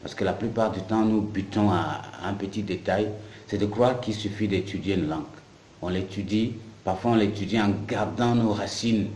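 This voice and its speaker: A man from Africa teaches English in a patient, repetitive way. His voice sits low. The room echoes, with a faint hiss behind him. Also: a little mellow. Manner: patient, repeats key phrases. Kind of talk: bilingual language lesson.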